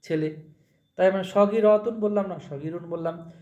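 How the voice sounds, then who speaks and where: A man who speaks Bengali as his first language, teaching a recorded Arabic lesson and repeating example sentences slowly and patiently. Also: sits high, darkish tone, muffled recording.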